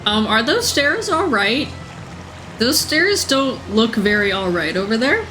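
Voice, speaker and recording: A woman streaming her playthrough of a video game, chatting casually and joking at herself, with a voice a little rough from being sick. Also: fairly high pitch, very animated, unhurried, sharp tone, slight background noise. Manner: chatty, self-mocking, laughs often. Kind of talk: casual let's-play commentary.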